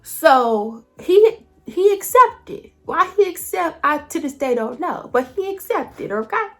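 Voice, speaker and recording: High-voiced woman telling a lively story. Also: slow. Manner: animated, colloquial, talks straight to viewers. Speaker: storytime vlogger. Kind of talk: casual storytelling to camera.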